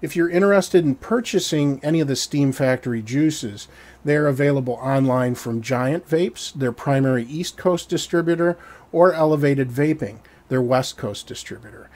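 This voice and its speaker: A man in his thirties giving a scripted, wry and descriptive product review to camera, with a measured delivery, in a small dark indoor studio on a standing mic. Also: medium pitch.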